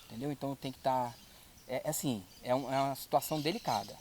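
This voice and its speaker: A man's voice: mid-range voice, fast talker, darkish tone, a little hiss or hum. A man speaking as a podcast guest, earnest and repeating his points for emphasis. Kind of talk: casual chat.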